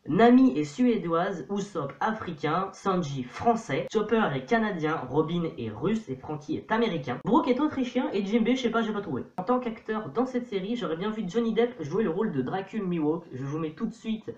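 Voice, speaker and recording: A man's voice: a little high, a little mellow, roomy sound, muffled recording. A young man in his late teens talking casually to camera, chatty and playfully self-mocking. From Portuguese-Brazilian family background. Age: young adult. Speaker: youtuber.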